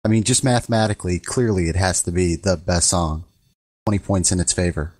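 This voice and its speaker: A man on a podcast panel, speaking hesitantly with many ums and deadpan jokes. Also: deep voice, fairly quick, no echo. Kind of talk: casual podcast discussion.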